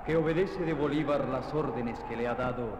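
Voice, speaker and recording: A man's voice: mid-range voice, fairly quick. A man giving declamatory, scripted narration of history in a dramatic style. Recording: echoey hall sound with background noise.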